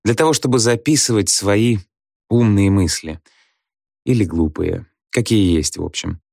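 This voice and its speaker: A man's voice: lowish voice, unhurried, vocal fry, darkish tone, no echo, clean studio sound. A man reading an audiobook voices a stern young male teacher who gives curt, commanding orders. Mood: warning. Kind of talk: audiobook character voice.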